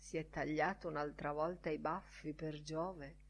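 A woman reading a literary audiobook aloud in a musing, expressive way. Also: deep voice, measured pace. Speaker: audiobook reader.

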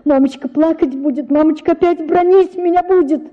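A woman's voice: fairly even intonation, brisk, lightly acted. A woman voicing a frightened little girl who pleads and sobs, in a dull lo-fi audiobook recording. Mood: pleading, terrified. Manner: high, tearful, pleading cries.

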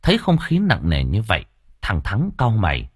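A man narrating an audiobook story in a lively, expressive reading. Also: on the low side, moderate pace, slightly rough, no room sound, clean studio sound.

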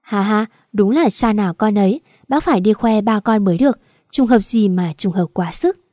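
A woman's voice: mid-range voice, moderate pace, dark tone, no echo, studio quality, lightly acted. A woman voicing a talkative, fussing middle-aged mother-in-law in a read-aloud story. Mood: chatty. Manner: chatty, fussing, laughing easily.

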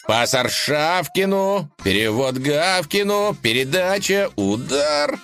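A man plays a good-natured animal boy who loves sport and acts as the big brother, easygoing and cheerful. His raised voice jumps around a lot. Soft music sits under the storybook reading. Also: a little high, animated, takes it slowly, voice pushed up.

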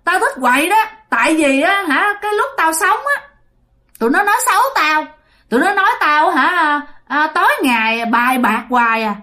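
A woman's voice: moderate pace, pushed and bright. A woman voicing a defiant, taunting old woman ghost in a spoken ghost story. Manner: shrill, mocking, bossy.

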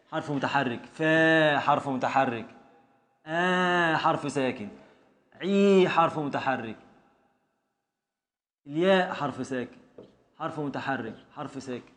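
Man, Egyptian accent, teacher, class lesson, patient drilling, higher-pitched voice. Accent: Egyptian Arabic. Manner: patient, drills students by counting and repeating. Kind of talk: classroom lesson on Arabic prosody.

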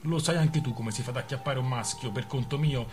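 A man's voice: medium pitch, a little fast, lightly acted. A man voicing a shrewd father handing out wry, cynical advice, with music behind him.

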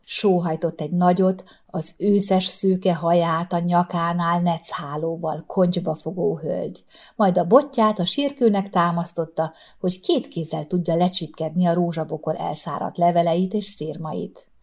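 A woman narrating a short story in a calm, measured audiobook reading. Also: fairly low pitch.

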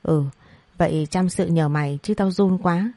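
A woman's voice: lowish voice, measured pace, warm tone, no room sound. A woman voicing a young wife in an audio story who is a panicked, sobbing best friend, flustered and tearful.

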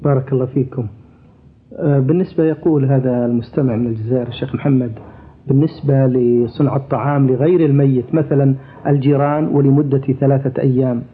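A man presenting a radio program, reading out listener questions in a brisk, formal way. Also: mid-range voice, steady tone. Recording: tinny, lo-fi radio broadcast.

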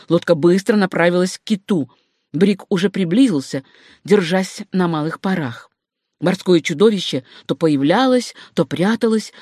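A reader giving scripted narration of an adventure story with a steady storytelling delivery. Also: mid-range voice, no room sound, studio quality. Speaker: audiobook reader.

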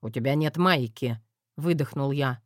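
A man's voice: mid-range voice, normal speed, dry recording. A man reads a first-person audiobook, wry and self-mocking. His voice sits mid-range and sounds close and dry. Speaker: audiobook narrator.

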